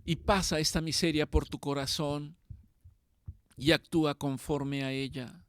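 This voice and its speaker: A man preaching a sermon, swinging between loud pleading and quiet, slow passages. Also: fairly high pitch, steady tone, no echo.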